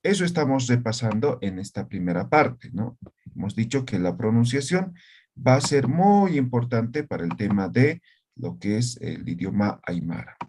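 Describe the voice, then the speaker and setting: A man's voice: medium pitch, big pitch swings, normal speed, darkish tone, slight background noise. A man teaching an online language lesson, explaining patiently and often checking in with his students, sometimes repeating syllables to demonstrate sounds.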